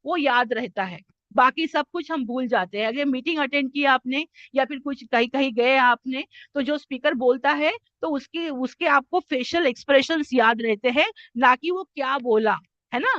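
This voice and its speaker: An Indian woman soft skills trainer giving a classroom lecture, mixing Hindi and English and often checking in with "है ना?". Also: sits high, normal speed, no echo, dull audio. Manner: addresses listeners as "my children".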